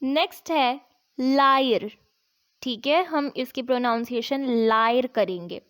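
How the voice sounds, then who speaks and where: A woman's voice: high-pitched, slow pace, fairly bright tone. A woman teacher explaining an exercise, spelling words out letter by letter and reading answers aloud.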